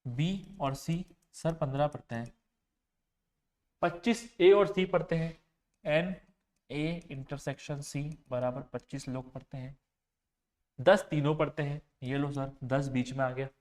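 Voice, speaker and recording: A man's voice: on the high side, a little slow, a little mellow. A man teaching a maths and reasoning lesson for exam preparation, explaining step by step and checking often whether his students have understood. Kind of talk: exam-prep classroom lecture.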